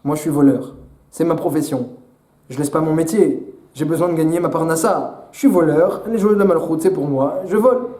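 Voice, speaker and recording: A man's voice: fairly high pitch, fairly quick, warm tone, reverberant, voice pushed down, lightly acted. A man voicing a cocky professional thief who justifies himself. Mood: brazen. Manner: brazen, self-justifying.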